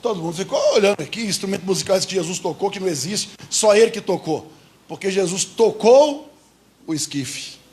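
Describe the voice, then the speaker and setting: Male pastor, Brazilian accent, high voice, emphatic sermon full of questions to the congregation. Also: animated, a little fast, darkish tone. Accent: Brazilian Portuguese. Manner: emphatic, keeps asking the congregation rhetorical questions. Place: church.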